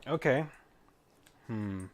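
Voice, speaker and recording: A man's voice: mid-range voice, animated, extremely slow. A man narrating as game master in a tabletop role-playing session, describing scenes vividly between casual rules talk.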